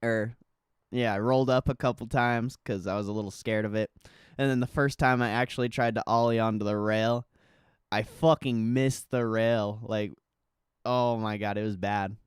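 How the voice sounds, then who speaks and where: A man's voice: on the low side, fairly even intonation, normal speed, smooth, no echo, clean studio sound. A young man chatting casually on a livestream like a laid-back crypto bro, slangy and sweary. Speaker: livestream host.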